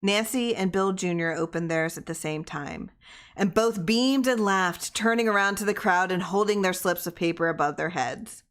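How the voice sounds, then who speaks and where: Lower-pitched woman reading a short story. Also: moderate pace. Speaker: story reader. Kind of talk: scripted narration of a short story.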